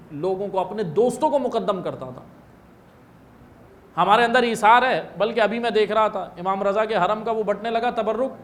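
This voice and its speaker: Impassioned high-voiced male preacher. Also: slight background noise. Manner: impassioned storytelling, acts out dialogue. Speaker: religious scholar. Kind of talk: sermon. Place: prayer hall.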